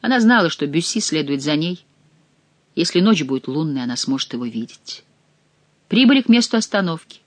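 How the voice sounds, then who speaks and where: An audiobook narrator reading a classic novel aloud, dropping to a soft hush in tender passages. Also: mid-range voice, big pitch swings, brisk, no room sound.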